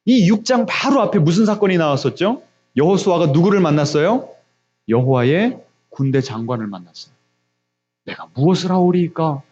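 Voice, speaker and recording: Emphatic middle-aged Korean pastor preaching. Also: male voice, fairly high pitch, big pitch swings, a little fast, darkish tone, highs cut off, faint music behind. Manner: questioning the congregation, emphatic rises. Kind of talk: sermon. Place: church sanctuary, also streamed on video call.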